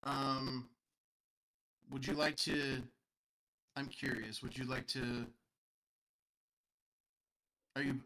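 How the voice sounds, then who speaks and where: A man's voice: mid-range voice, flat delivery, very slow, long pauses, sharp tone, low-quality recording. A man running a tabletop game as game master, talking hesitantly with many fillers.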